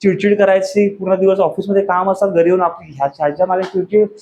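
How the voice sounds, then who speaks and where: A man in his thirties records a casual vlog at home late at night, talking plainly to his viewers as a father. His voice sits a little on the high side for a man. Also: flat delivery, fast talker, darkish tone, lo-fi sound, a little hiss or hum. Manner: coaxing, soothing talk to a child. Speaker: vlogger, father.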